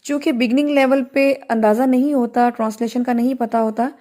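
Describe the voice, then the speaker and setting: A woman's voice: fairly high pitch, fairly even intonation, mellow. A woman teaching a recitation class, explaining patiently, stressing key words and asking her students questions as she goes. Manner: patient, explanatory, mixes English terms into speech. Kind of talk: lecture to students.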